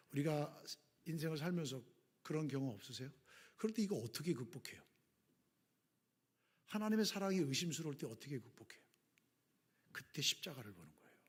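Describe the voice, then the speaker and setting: Impassioned male pastor, husky and high. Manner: impassioned preaching, swings from hushed whispers to near-shouts. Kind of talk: sermon. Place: church sanctuary.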